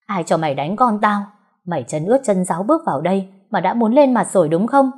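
A woman voicing a domineering middle-aged stepmother who scolds loudly in an audio story. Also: mid-range voice, expressive, normal speed, slightly rough. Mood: scolding. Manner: loud, scolding.

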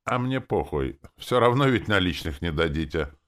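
A man's voice: sits low, expressive, moderate pace, voice pushed up. A man voicing a cynical male tracker who talks coldly and swears in an audiobook. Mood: angry. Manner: cold, swearing. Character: cynical male tracker, cold and foul-mouthed. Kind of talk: audiobook character reading.

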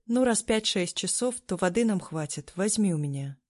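A woman's voice: medium pitch, expressive, moderate pace, no room sound, studio quality, natural voice. Woman doing Demir, a weary stoic man. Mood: calm. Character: weary stoic immortal man, terse and dry.

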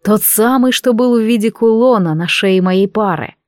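A woman narrates a fantasy novel in the first person, reading in a steady, even manner. Her voice sits in a mid-range register. The recording is close and dry, with no room sound. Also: mid-range voice, moderate pace, no room sound. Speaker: audiobook narrator.

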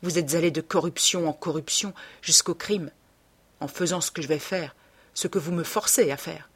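A woman reading an audiobook voices a grim, bitter, reluctant man in a low, clipped way. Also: moderate pace, breathy edge.

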